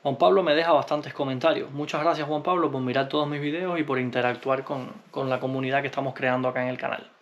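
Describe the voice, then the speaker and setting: A man from Cuba, answering viewer comments in a relaxed, unhurried vlog, often pausing with hesitations. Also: medium pitch, lo-fi sound, slight background noise. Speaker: vlogger.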